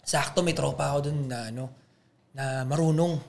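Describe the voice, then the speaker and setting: A young adult man, a podcast guest, telling stories in a loose, animated way, full of slang fillers. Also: mid-range voice, moderate pace, gravelly. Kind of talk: casual storytelling chat.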